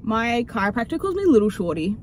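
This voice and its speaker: A woman's voice: a little high, big pitch swings, a little fast, slight background noise. A young woman with an Australian accent chatting casually with a friend, rambling, restarting sentences and swearing freely. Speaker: YouTuber host. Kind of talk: casual chat. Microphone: headset.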